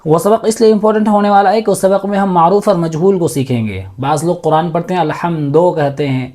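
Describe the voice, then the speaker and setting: A man teaching Quran reading, slowly spelling out letters syllable by syllable and then joining them. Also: high voice, darkish tone. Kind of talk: step-by-step reading lesson.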